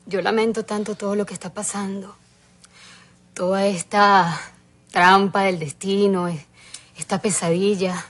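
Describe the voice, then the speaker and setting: A sorrowful, husky-voiced lady. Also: medium pitch. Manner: sorrowful, gentle. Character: compassionate woman lamenting sisters' feud. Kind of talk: telenovela acting.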